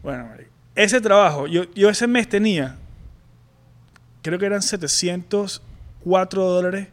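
His voice is high and a little slow as he co-hosts a casual podcast. He tells a personal story candidly, stumbling through restarts and fillers.

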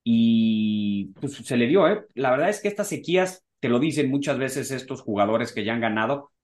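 A man's voice: mid-range voice, expressive, normal speed, darkish tone. A man co-hosting a casual golf podcast, talking in long rambling sentences full of fillers. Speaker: podcast co-host.

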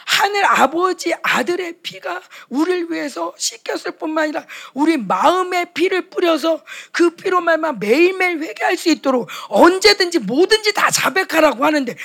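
Brief: high-pitched woman with a gravelly edge, fervent preacher who slips into acted-out exchanges. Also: a bit bright. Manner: impassioned, acts out quoted dialogues. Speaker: speaker at a retreat for pastors' wives. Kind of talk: sermon.

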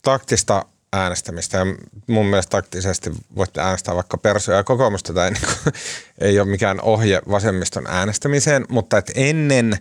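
A man hosting a podcast, asking questions in a lively, playful way during casual discussion. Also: lowish voice, no echo, studio quality.

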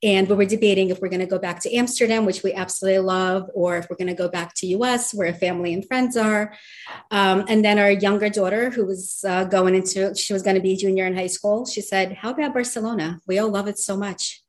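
A woman's voice: medium pitch, steady tone, brisk. A middle-aged woman from Belarus, telling her own story conversationally as a podcast guest. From Belarus, moved to the US at twelve. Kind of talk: conversational personal storytelling in an interview.

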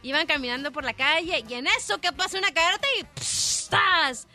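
A woman co-hosting a radio comedy show, telling a joke in a playful, animated way. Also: high voice, normal speed, faint music behind.

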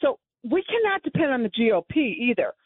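A woman calling in to talk radio, speaking earnestly and haltingly about politics, often restarting her phrases. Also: a little high, sing-song, slightly rough, dry recording. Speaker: radio call-in guest. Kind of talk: impassioned casual political talk. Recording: thin, narrow phone line.

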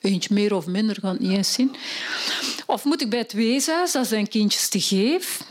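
A woman's voice: medium pitch, expressive, normal speed, natural voice. A woman with a Flemish accent voicing a fussy, eager-to-please husband in a told story. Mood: fretful. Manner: soothing, chatty.

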